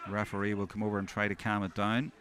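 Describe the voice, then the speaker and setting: Male match commentator, lower-pitched, observational play-by-play from an outdoor stand with loud crowd and background noise. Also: monotone, quick pace. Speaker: sports commentator. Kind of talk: live hurling match commentary.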